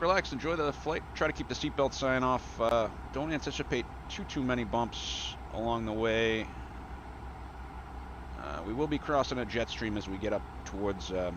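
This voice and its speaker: Low-pitched male airline pilot announcement over cockpit drone. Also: noisy background. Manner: halting delivery with frequent uhs. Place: aircraft cockpit. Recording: clear cockpit and engine drone.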